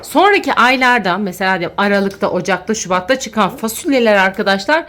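A woman's voice: mid-range voice, expressive, quick pace, fairly bright tone, slight background noise. A woman in her thirties, a mother vlogging from her home kitchen, chatting to viewers and playfully scolding her children. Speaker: mother and channel host. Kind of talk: casual family vlog, talking to viewers.

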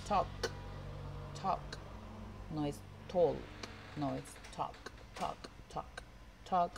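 Low, slow, gravelly woman teaching. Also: darkish tone, slight background noise. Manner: repeats words slowly to model pronunciation; switches between English and Spanish. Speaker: English teacher. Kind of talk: online English class.

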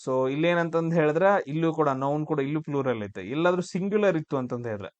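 A man's voice: fairly high pitch, fast talker, dry recording, muffled recording. A man teaching exam grammar, asking and answering his own questions. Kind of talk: classroom-style grammar lesson.

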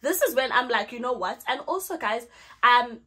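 Retelling a story for her storytime vlog, a young Zulu-speaking woman from South Africa stays animated and performs her own lines. She speaks at a moderate pace in a slightly high, slightly rough voice.

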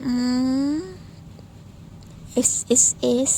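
A woman giving casual gameplay commentary, excitable and playfully swearing, squealing at her game. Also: very slow, slight background noise. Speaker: game streamer.

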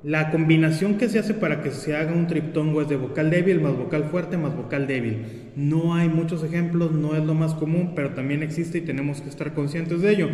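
A man's voice: fairly high pitch, a little fast, a little mellow. A male teacher giving a spelling lesson, patiently repeating examples and checking in with "¿ok?" between points. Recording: echoey room with long reverb.

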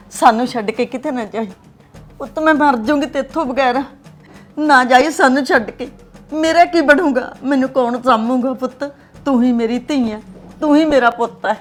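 A woman's voice: sits high, natural voice. A woman playing a tearful pleading mother-in-law. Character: tender older mother-in-law, anxious, pleading. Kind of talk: family drama acting.

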